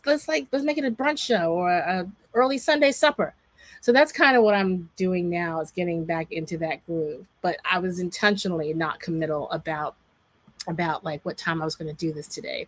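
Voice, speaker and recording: A woman's voice: mid-range voice, no room sound. Chatty woman livestreaming from home, dry sound. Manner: chatty and digressive, with emphatic asides. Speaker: food historian hosting a livestream. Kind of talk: casual livestream talk. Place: indoors at home by a window. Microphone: webcam or laptop mic on a livestream.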